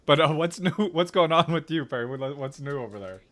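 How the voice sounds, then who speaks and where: A man co-hosting a casual fantasy football podcast over a video call from work on his lunch break, relaxed and quick to laugh. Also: a little high. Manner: relaxed, laughs often, jokey. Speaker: podcast co-host.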